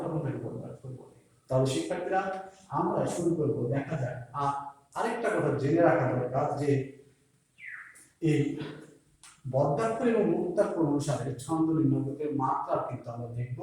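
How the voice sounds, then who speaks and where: A male school teacher with a Bangladeshi Bengali accent, patiently explaining poetry meter and counting syllables aloud slowly. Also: on the high side, darkish tone. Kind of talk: classroom lesson on poetry meter. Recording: echoey room, voice a bit far from the mic.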